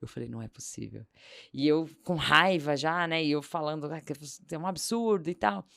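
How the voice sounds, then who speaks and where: During a relaxed podcast interview, a woman guest with a low voice and vocal fry tells an animated story at a normal speed, voicing the quoted dialogue of each person in it.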